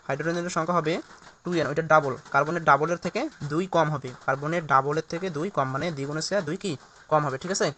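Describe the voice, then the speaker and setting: A man's voice: on the high side, bright, forceful tone, slight background noise. A man teaching a recorded chemistry lesson, walking through each step and asking and answering his own questions.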